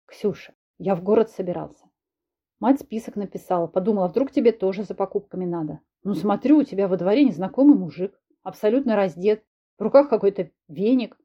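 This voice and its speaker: A woman's voice: mid-range voice, a little fast, warm tone, slightly rough, dull audio, natural voice. Blunt village man, as a woman reads him. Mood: plain.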